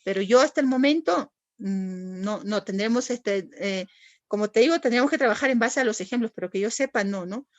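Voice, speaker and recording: A woman's voice: medium pitch, a little fast, no echo. A woman teacher, giving a classroom lecture and patiently asking the class questions and answering them herself.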